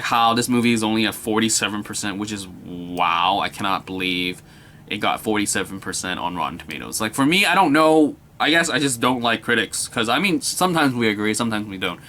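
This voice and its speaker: A man's voice: fairly low pitch, animated, a little fast, pushed and bright. A young man giving a casual, enthusiastic movie review, rambling and repeating himself with many filler words.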